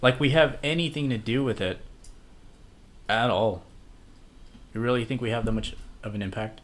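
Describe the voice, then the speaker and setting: A man's voice: mid-range voice, normal speed. A young man co-hosting a casual podcast, rambling with fillers and trailing thoughts. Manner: rambling, hesitant, lots of fillers. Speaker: podcast co-host. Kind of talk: casual chat.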